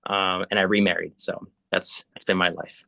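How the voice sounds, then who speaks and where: A man's voice: low-pitched, little pitch movement, moderate pace, creaky, pushed and bright, dry recording. Chatty Italian-born man in his thirties. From Italy. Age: 30s. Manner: rambling, many fillers and restarts. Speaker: spiritual guide. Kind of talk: casual video call chat.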